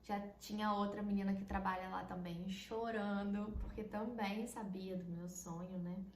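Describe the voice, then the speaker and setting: A woman's voice: medium pitch, darkish tone. A young woman from Brazil earnestly telling a personal story to camera, often tagging sentences with little questions. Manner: earnest, heartfelt, many tag questions. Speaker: vlogger. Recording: echoey room, faint noise.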